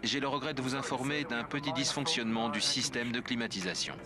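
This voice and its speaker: A man playing an airline cabin chief who gives a polite, formal announcement over the aircraft loudspeaker. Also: mid-range voice, steady tone, fast talker, a loud crowd. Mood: courteous. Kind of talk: dubbed documentary reenactment.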